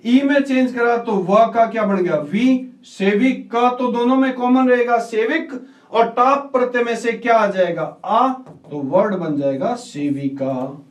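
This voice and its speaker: A man's voice: very high voice, roomy sound, distant mic. A man teaching an online grammar lesson. He asks his students questions and answers them himself, repeating each answer. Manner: repeats key answers, quizzes students as "बेटा".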